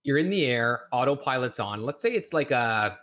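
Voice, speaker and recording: A man's voice: medium pitch, lively intonation, normal speed, fairly bright tone. A man hosting a podcast, asking eager, rambling questions full of restarts. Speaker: podcast host. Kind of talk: casual interview questions.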